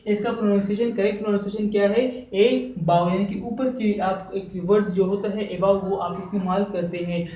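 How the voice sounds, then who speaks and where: A male teacher with a high but mellow voice gives a spoken vocabulary lesson in an echoey room. He repeats each word slowly, then asks himself what it means and answers. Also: slight background noise. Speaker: English teacher, channel host.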